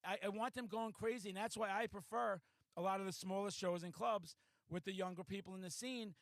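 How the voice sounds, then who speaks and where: A man in his forties hosting a podcast in a hyper, loud, profanity-laced ranting manner. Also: high-pitched, fairly even intonation, brisk, no echo. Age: 40s. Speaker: podcast host. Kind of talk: casual podcast chat.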